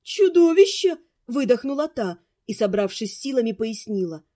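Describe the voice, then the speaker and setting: A woman calmly narrating a first-person fantasy audiobook. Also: sits high, moderate pace.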